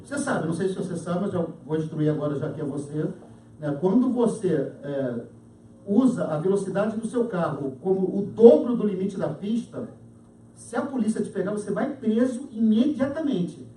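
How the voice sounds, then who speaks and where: A man's voice: sits high, moderate pace, slight background noise. A man with a Brazilian Portuguese accent preaching a sermon, telling stories animatedly and acting out dialogue. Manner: animated storytelling, acts out dialogue with laughter. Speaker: pastor. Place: church hall. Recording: echoey church hall, from a distance.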